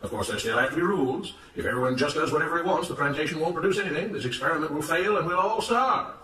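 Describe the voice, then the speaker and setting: Voicing a storybook's self-righteous plantation overseer, a man delivers forceful speeches, his voice pitched high and bright like an orator's. The mood is earnest and preachy, the pace fast, and he sits slightly distant in a roomy space with a little background noise.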